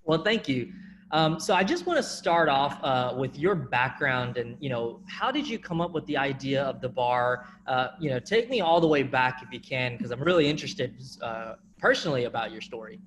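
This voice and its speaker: A man interviews a guest, his questions friendly and loose, full of ums and restarts. His voice is mid-pitched, with a faint hum of noise behind it. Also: animated, normal speed, a bit bright. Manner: friendly, filler-heavy questioning. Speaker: interview host. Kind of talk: interview conversation.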